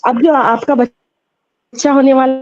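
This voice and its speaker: A woman calling in with a question, explaining haltingly and repeating herself while her phone connection keeps cutting out. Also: high voice, fairly even intonation. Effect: breaking-up phone connection. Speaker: caller. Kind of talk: phoning in a question to a scholar. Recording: dull lo-fi phone line.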